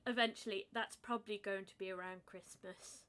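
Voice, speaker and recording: A woman's voice: mid-range voice, fairly even intonation, fairly quick, fairly bright tone. A woman chatting casually on a podcast, hesitant, with many ums and frequent laughs. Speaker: podcast co-host. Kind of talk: casual chat.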